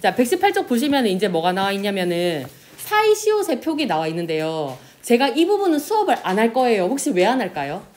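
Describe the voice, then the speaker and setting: A woman teacher giving a classroom lesson, asking questions and answering them herself, and drawing out example words slowly. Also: on the high side. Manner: lively, pronounces example words slowly and drawn out. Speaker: Korean language teacher. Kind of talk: classroom lecture.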